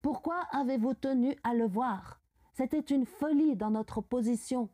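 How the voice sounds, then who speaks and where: A proud, respectable gentleman, read aloud by a woman scolds with cold indignation. He speaks slowly and deliberately, in a dark, mellow voice, as in a storybook. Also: mid-range voice, steady tone, dry recording, clean studio sound, lightly acted. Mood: indignant. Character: respectable older man, proud and furious, fearing scandal.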